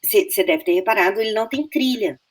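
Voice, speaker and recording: Speaking fast in a mid-range voice, this Brazilian woman, an actress, spins casual stories during an interview. She has a Brazilian Portuguese accent, performs quoted dialogue with lots of animation, and frequently starts her sentences over.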